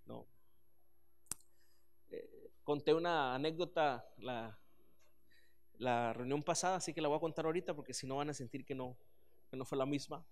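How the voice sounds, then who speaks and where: Earnest pastor preaching. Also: male voice, fairly high pitch, normal speed, pauses often. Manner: earnest, animated storytelling with frequent restarts. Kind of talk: sermon.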